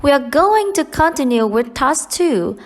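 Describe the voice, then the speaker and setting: A young woman teaching an online English lesson with a Vietnamese accent, high in pitch. She speaks clearly and at a measured pace, in the manner of a teacher guiding young pupils. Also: big pitch swings.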